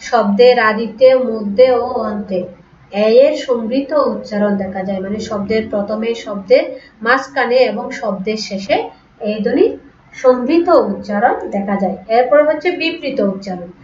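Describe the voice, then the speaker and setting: A woman's voice: a little high, a little mellow. Woman teacher, echoey distant online class. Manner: explains slowly, repeats example words, asks rhetorical questions. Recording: echoey room, distant lo-fi mic.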